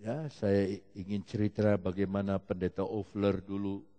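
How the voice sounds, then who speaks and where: A man preaching a sermon, telling stories with lively shifts and calling out to the congregation. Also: on the low side, normal speed. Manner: animated storytelling preacher, calls out to the congregation. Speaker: pastor. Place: church hall. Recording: long reverb of a large hall.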